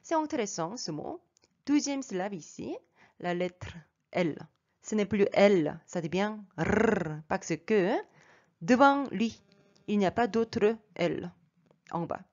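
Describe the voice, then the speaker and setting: A woman gives a vocabulary lesson at an unhurried pace, explaining each sound patiently and saying every word several times. Her voice sits in a middle register, and the recording sounds a little dull and lo-fi. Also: medium pitch, lively intonation, darkish tone. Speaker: language teacher.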